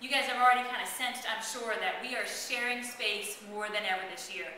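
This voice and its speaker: A woman school administrator speaks to students in a brisk, earnest, direct way, her voice bright and a little high. She sits well back from the microphone in a strongly echoing school room, with faint noise underneath. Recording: echoey room, far from mic, faint noise.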